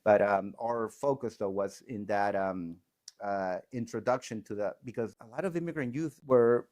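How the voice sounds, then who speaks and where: A fairly low-pitched middle-aged man from Peru talks through his story as a podcast guest. He is thoughtful and a little halting, often pausing on fillers and restarting phrases. The sound is dry and close, with no room around it. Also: a little mellow, no room sound. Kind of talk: conversational interview.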